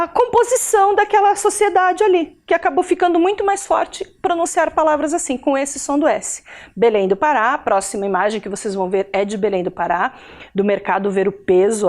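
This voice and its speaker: In a recorded video lesson for adult learners, a woman teacher with a Brazilian Portuguese accent from Curitiba speaks in a chatty way at a fairly high pitch. She often checks in with her listeners.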